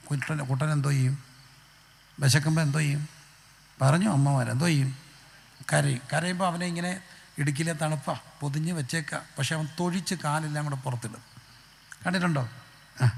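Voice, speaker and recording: A Malayali man preaches a lively gospel sermon to an open-air crowd and keeps asking them questions. His voice is gravelly and sits a little high. It rings out with a long, echoing tail from the loudspeakers. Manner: animated, asks the crowd questions. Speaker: pastor. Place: outdoor street gathering.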